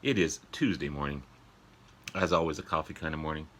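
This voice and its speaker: Very deep-voiced man with a sore throat. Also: fairly bright tone. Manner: halting, frequent throat clearing. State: sore throat from a summer cold. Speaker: music vlog host. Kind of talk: casual chat to viewers about records. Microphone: older phone.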